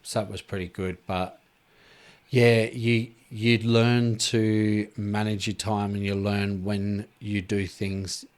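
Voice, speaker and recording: Deep-voiced laid-back man. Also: slow, clear, resonant tone. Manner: relaxed, rambling, many fillers. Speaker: podcast host. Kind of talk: casual chat.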